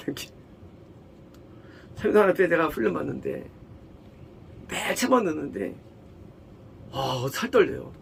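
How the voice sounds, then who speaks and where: A man's voice: high-pitched, gravelly, a little hiss or hum. A middle-aged male pastor preaching a sermon emphatically, firing off rhetorical questions.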